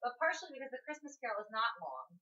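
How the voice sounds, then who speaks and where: A woman's voice: a little high, big pitch swings, very fast, sharp tone, recorded from a distance. A woman co-hosting a podcast, chattily retelling a novel's plot with asides. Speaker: podcast co-host. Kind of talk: casual book discussion. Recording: dull audio, slightly off-mic.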